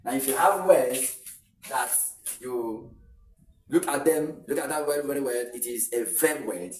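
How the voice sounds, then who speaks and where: A man's voice: medium pitch, unhurried, darkish tone. A man gives an exam-prep lesson, walking through rules step by step and repeating key phrases. He sounds distant from the mic. The room is echoey, with a faint hiss of noise underneath. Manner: repetitive, explains step by step. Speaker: English teacher.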